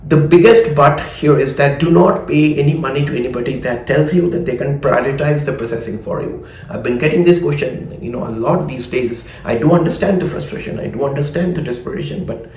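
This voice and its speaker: A man's voice: mid-range voice, fairly quick, darkish tone. A man with a choked, congested voice, explaining things informally to viewers as a consultant, with frequent "you know" asides. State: recovering from a choked voice. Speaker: immigration consultant presenting advice. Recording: echoey room with background noise.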